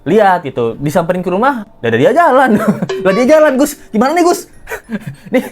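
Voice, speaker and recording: A man's voice: high-pitched, big pitch swings, moderate pace. A man hosting a casual gossip reaction commentary, teasing and laughing often as he jokes. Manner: mocking, laughs often, jokey wordplay. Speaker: commentary host.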